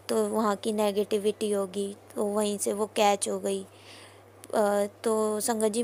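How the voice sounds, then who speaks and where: A woman's voice: mid-range voice, a little mellow, a little hiss or hum. A young woman earnestly recounting a personal testimony to a congregation, often turning to address her listeners directly. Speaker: devotee sharing a testimony.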